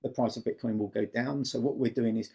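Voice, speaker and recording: A man's voice: mid-range voice, fairly even intonation, fairly quick, warm tone, slightly rough. A man giving a casual, step-by-step screen-recording walkthrough in an explanatory manner as a tutorial presenter.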